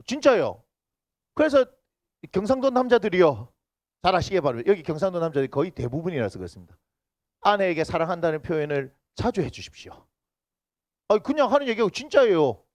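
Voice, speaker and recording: A man's voice: high voice, sing-song, a little fast, pauses often, darkish tone, no room sound. A man from Busan with a Gyeongsang accent, preaching a sermon as a pastor and teasing and bantering with his congregation. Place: church sanctuary. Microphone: handheld microphone.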